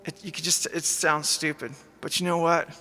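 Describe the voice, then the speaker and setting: A man's voice: on the high side, level tone, normal speed, pushed and bright. A man hosting a rambling mock talk show, his voice soaked in heavy echo-chamber reverb. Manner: joking, rambling, swears casually. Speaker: host of a mock home show.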